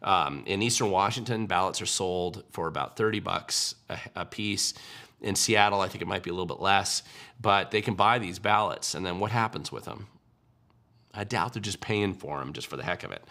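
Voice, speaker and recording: Deep gravelly man hosting a livestream. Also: moderate pace, sharp tone. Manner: conversational, frequent ums and restarts, wry. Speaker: livestream host answering viewer questions. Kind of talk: casual political commentary livestream.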